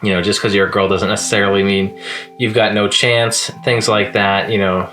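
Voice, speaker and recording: A man's voice: fairly low pitch, level tone, normal speed, pushed and bright, faint music behind. A man casually reviewing the manga he read that week, rambling along with lots of fillers and restarts. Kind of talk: casual reading-log review.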